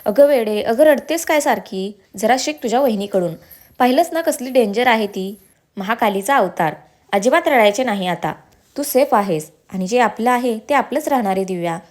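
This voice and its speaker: A woman's voice: on the high side, lively intonation, moderate pace, a little mellow, close to an everyday voice. A woman voicing a teasing, affectionate young man who plays the dramatic elder brother in a storybook reading.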